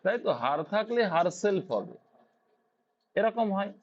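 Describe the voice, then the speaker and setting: This English grammar lesson features a man with a Bengali accent who takes it slowly, his high voice swinging widely in pitch. He quizzes his students and answers himself, in a dull lo-fi recording.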